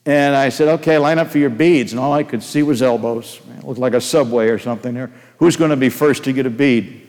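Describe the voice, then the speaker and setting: Older pastor telling stories in a reverberant church. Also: male voice, medium pitch, darkish tone. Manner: folksy, anecdotal, asks the congregation questions. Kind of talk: sermon with personal storytelling. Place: church sanctuary. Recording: long hall reverb. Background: long hall reverb.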